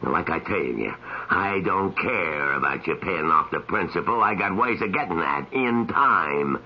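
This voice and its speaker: A sneering knife-wielding loan shark. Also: male voice, low voice, animated, a little slow, husky, full character voice. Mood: menacing. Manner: taunting, drawling, mocking. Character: menacing male loan shark with a knife, cruel, mocking. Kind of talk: old-time radio drama acting. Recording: dull lo-fi old radio recording.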